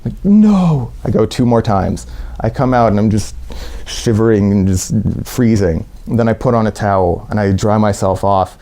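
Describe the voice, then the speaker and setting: A man from the USA with an American accent, telling a personal story in a lively way and acting out what people said. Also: fairly low pitch, normal speed. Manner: lively anecdotal, acts out quotes.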